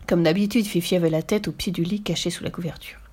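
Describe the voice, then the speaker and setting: A woman's voice: on the low side, quick pace, breathy edge. Woman reading a children's story aloud. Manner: lively, expressive storytelling.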